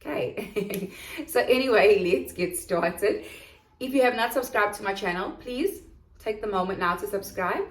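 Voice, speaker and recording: In an echoey room, a woman with a Durban South African accent vlogs about how to start coaching English online. Her medium-pitched voice is expressive and measured, casual and chatty, and she checks in often with "okay?"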